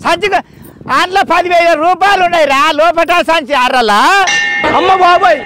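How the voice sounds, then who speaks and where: A man with a Telangana Telugu accent playing a loud, nagging old village mother-in-law in a comedy sketch. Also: normal speed, a little hiss or hum. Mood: furious. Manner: shrill nagging scolds, loud outbursts. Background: background music.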